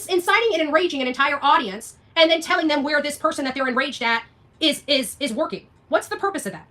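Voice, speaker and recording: Her voice extremely high, pushed, and bright, a livestream host argues with her viewers in an unscripted rant. She is combative and emphatic, repeating phrases and firing off rhetorical questions as she responds to their comments.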